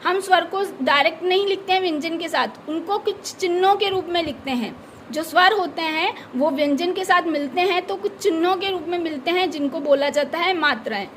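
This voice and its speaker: A woman's voice: very high-pitched, fairly bright tone, slight background noise. A woman teacher, patiently explaining a grammar lesson to children and answering her own questions. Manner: patient, repeats key words, asks and answers own questions. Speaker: school teacher.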